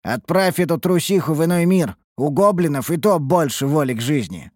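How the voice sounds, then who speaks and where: A man's voice: fairly high pitch, lively intonation, moderate pace, a little mellow, dry recording, clean studio sound, voice pushed up. A man doing a brash, mocking young man in a storybook. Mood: contemptuous. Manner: rough, scornful, coarse slang. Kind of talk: audiobook character voice.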